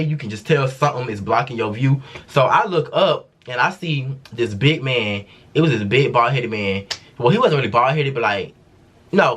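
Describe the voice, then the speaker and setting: A man's voice: mid-range voice, fairly bright tone, slightly rough. A young man, telling a storytime vlog in a casual, profane, slangy way. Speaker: vlogger.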